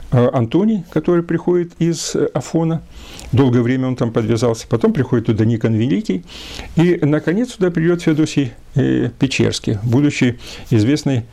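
A man giving an unscripted lecture, often pausing and hesitating between phrases. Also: mid-range voice, gravelly, mellow. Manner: hesitant, many filler sounds.

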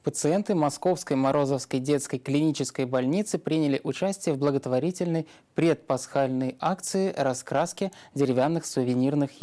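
Dark, mellow male news presenter. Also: on the high side. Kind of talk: scripted news reading.

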